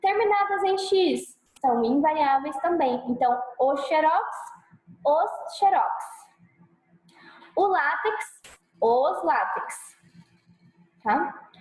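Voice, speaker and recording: A Brazilian woman teaching a grammar lesson, checking in with her students often and sounding out example words slowly and loudly. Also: high voice, expressive, reverberant, poor audio. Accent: Brazilian Portuguese. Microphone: clip-on mic.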